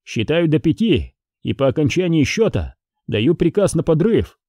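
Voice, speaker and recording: Guy doing a tough army officer, measured, talks firm, dry close sound. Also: fairly high pitch, sing-song, warm tone, dry recording, pitched above the performer's own voice. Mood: commanding. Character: stern male army officer negotiating threats.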